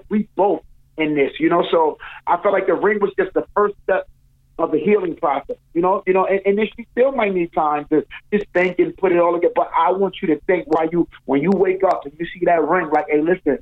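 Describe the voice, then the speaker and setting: A man's voice: sits high, brisk. Man talking over a tinny phone line. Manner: loose, repetitive, says "you know what I'm saying" often. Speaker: guest calling in. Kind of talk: casual interview chat. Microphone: telephone.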